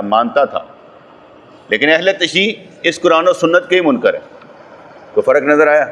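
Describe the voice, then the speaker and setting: A man's voice: on the high side, a bit bright. A man from Pakistan with a Pakistani Urdu accent, giving a sermon as a religious scholar. He preaches and climbs to emphatic peaks, throwing rhetorical questions at his listeners. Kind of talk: sermon lecture.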